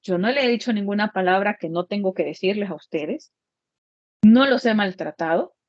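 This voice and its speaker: A woman's voice: mid-range voice, moderate pace, darkish tone, dry recording, lo-fi sound. A woman architect lecturing her students in a plain-spoken way, repeating each point with everyday examples.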